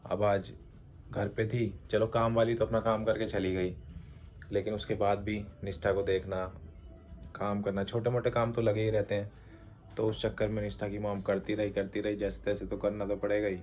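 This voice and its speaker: A man vlogging at home, talking to viewers and gently soothing his crying wife. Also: on the low side, little pitch movement, moderate pace, slight background noise. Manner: soothing, pleading softly. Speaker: vlogger, father. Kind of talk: casual family vlog. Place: home, indoors.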